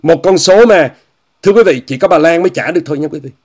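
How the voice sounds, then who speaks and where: A man delivers a casual commentary monologue in a somewhat high voice. He speaks straight to his viewers, repeats his phrases and mocks what he discusses. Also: fast. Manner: repetitive, often repeats phrases and says "quý vị" often; scornful, mocking tone. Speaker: commentator hosting an online talk show.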